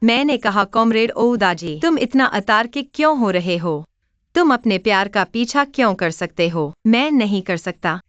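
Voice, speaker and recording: A woman's voice: medium pitch, lively intonation, moderate pace, clean tone, no echo, close to an everyday voice. A woman playing a headstrong, talkative young woman with a breezy way of speaking. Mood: cheeky. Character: spirited young sister, headstrong and chatty. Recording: muffled dubbed audio with faint music.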